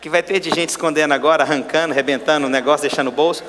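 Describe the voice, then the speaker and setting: A male pastor preaching a sermon, swinging between loud exclamations and hushed asides. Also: fairly high pitch, steady tone, rapid-fire, a little hiss or hum. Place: church sanctuary. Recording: long church-hall reverb.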